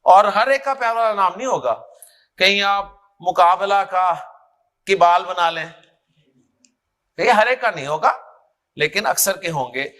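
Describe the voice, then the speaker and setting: A man teaches grammar at an unhurried pace, drilling words one by one and calling on students. His voice sits high and sounds bright and clear. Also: animated. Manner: drills words slowly, repeating and quizzing students. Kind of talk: classroom lesson.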